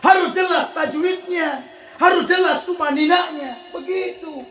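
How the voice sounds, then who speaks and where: A man's voice: extremely high pitch, a little slow, roomy sound, rough recording. A man preaching a humorous sermon to a congregation, bantering with listeners and breaking into melodic Quran chanting. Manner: joking, call-and-response with the crowd, melodic Quran chanting.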